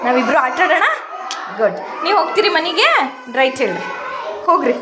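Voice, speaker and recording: A woman's voice: sits high, sing-song, a little fast, crowd noise, background noise. A woman teacher with a North Karnataka Kannada accent, teasing children in a classroom with playful mock-scolding. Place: school classroom.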